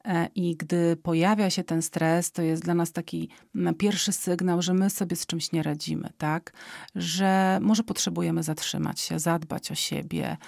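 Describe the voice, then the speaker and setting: A woman speaking as an expert guest in an interview, explaining calmly with frequent hesitation fillers and a habit of ending points with a questioning tag. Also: fairly low pitch, a little slow, gravelly, dry recording, studio quality. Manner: calm and explanatory, often ends points with a questioning "tak?".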